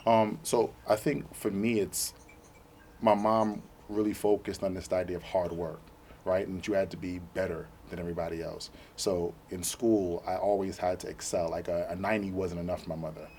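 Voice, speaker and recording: A man's voice: sits low, steady tone, moderate pace, warm tone, a little hiss or hum. A young man giving an earnest interview as a political candidate, fluent but with many ums. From Brooklyn, New York. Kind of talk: TV interview answers. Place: TV studio.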